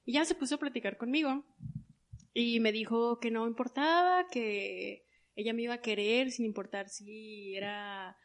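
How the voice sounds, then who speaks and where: Una mujer joven con acento mexicano cuenta de forma animada una historia personal en una entrevista e imita las voces de otras personas. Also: female voice, on the high side, moderate pace. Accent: Mexican Spanish. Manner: animated, acts out quoted voices. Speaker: guest. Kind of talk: personal storytelling.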